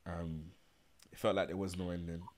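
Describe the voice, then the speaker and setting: Man, young adult, podcast co-host, laid-back, slangy storytelling, lowish pitch. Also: flat delivery, normal speed, a little mellow. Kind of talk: casual chat.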